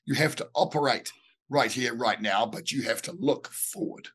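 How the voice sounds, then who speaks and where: Guy on a podcast, a bit sick, keeps repeating words while he thinks, normal pitch. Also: normal speed, fairly bright tone, slightly rough. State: a bit unwell with a bug. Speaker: podcast co-host. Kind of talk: casual business chat.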